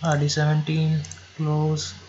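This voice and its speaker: A man giving slow, step-by-step software instructions over a screen recording, now and then correcting himself. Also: a little high, monotone, lo-fi sound, slight background noise.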